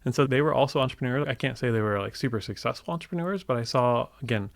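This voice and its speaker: Relaxed, reflective man from Indiana. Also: medium pitch, fast, vocal fry, dry recording. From Indiana, USA. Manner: relaxed, reflective, many restarts. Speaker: guest, tech company co-founder. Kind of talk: conversational interview.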